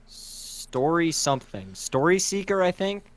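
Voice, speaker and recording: A man's voice: a little high, sing-song, measured pace. A man co-hosting a podcast in casual chat, rambling and searching for words as he talks. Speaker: podcast co-host.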